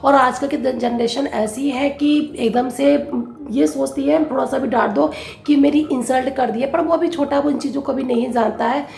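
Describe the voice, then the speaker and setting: Gravelly voiced chatty woman vlogger. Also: sits high, moderate pace, a little mellow, roomy sound. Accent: Hindi, north Indian. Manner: chatty, rambling, gives homely advice. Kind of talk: casual home vlog narration. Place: home kitchen.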